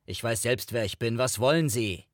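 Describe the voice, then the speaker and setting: A man's voice: mid-range voice, normal speed, no echo, lightly acted. A man voicing a suspicious, weary man in his sixties who speaks curtly and with dry resignation. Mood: curt, bitter. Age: 60s. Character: gruff, suspicious, weary man past sixty.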